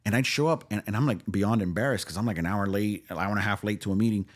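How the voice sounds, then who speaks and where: A man, born in Cuba, a podcast guest chatting in a relaxed way and often saying bro and man. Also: on the low side, fast talker. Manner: laid-back, says bro and man a lot. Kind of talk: casual chat.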